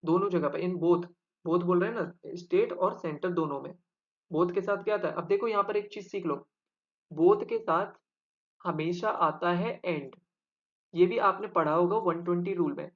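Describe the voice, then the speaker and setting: A man's voice: high voice, a little slow, phone-quality sound. A man teaching an exam-prep English grammar lesson, explaining step by step and quizzing his viewers with rhetorical questions.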